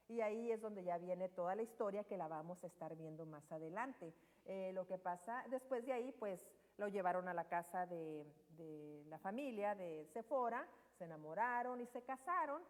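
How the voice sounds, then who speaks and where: A woman's voice: medium pitch, a little mellow. Woman leading a Bible study. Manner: storytelling, asks listeners questions. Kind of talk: conversational Bible teaching. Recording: long reverb hall.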